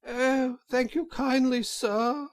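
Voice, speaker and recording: A man's voice: very high-pitched, steady tone, slow, pitched above the performer's own voice. A man voicing a boastful, self-pitying male toad in a storybook reading, with wailing, theatrical complaints. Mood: feeble wheedling.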